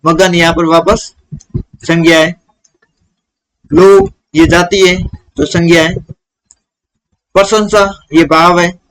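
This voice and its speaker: Male teacher with a high voice who walks young pupils through a lesson and answers his own questions. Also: expressive, slow pace, long pauses, fairly bright tone, rough recording. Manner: repeats questions and answers them himself. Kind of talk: explaining a school lesson to children.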